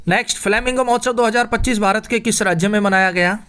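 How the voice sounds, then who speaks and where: A man's voice: high voice, fast, pushed and bright, clear, resonant tone. A man teaching a current affairs quiz lesson, joking through memory tricks and calling his listeners brother. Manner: playful, jokey mnemonics, addresses listeners as brother. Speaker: exam coaching teacher.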